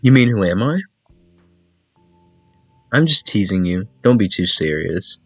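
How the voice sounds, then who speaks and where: A man voicing a teasing, ancient female eldritch entity in a video game, reading her lines in his own lively voice. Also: deep voice, breathy edge, no room sound, soft background music, exaggerated voice. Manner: coy, teasing, unhurried.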